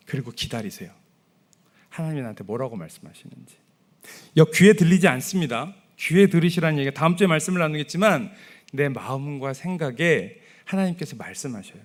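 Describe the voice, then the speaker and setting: A male pastor giving a Sunday sermon in a church, talking to the congregation in a conversational way and softly acting out sample prayers. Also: a little high, lively intonation, a little fast. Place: church sanctuary.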